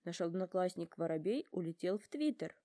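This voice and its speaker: A woman's voice: fairly low pitch, lively intonation, a little fast, warm tone, no room sound, studio quality, natural voice. A woman voicing a well-mannered young male elephant in a storybook, polite, earnest and heartfelt. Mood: confiding.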